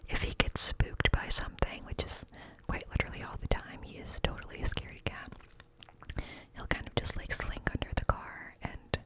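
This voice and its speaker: A woman rambling casually in an ASMR style, in a breathy, unvoiced cupped-hand whisper close to the microphone. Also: normal speed, rough recording. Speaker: ASMR creator.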